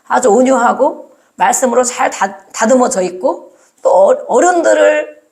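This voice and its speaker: A woman's voice: medium pitch, gravelly, a little mellow. A woman preaching a sermon, often asking the congregation questions and acting out cries.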